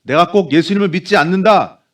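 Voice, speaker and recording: A man preaching a Sunday sermon as pastor, animated, dropping into soft low voices for quoted speech. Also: fast talker. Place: church sanctuary.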